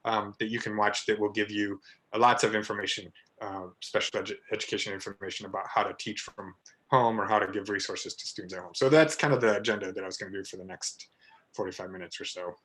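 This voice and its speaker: A man's voice: lowish voice, steady tone, fast, fairly bright tone, poor audio. A man hosting a video meeting on special education, talking in a friendly, encouraging way with fillers. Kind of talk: casual video meeting talk. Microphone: video call.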